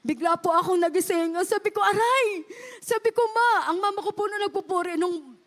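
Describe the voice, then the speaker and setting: High pitched woman telling her church testimony, earnest, keeps saying beloved to the crowd. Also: a little fast. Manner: earnest, polite, keeps addressing the congregation as beloved. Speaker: church member giving testimony. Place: church service.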